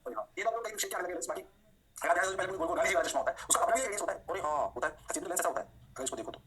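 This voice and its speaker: A middle-aged man teaching physics in an animated lecture, answering himself in his students' voice and dropping into sudden whispers. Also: sits high, very fast, a little hiss or hum. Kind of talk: lively classroom lecture.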